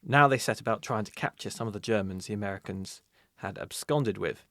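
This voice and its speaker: A man co-hosting a history podcast, narrating events in a steady, measured way. His voice sits fairly low. The sound is dry and close. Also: no echo. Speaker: podcast co-host. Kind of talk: reading history notes in casual podcast.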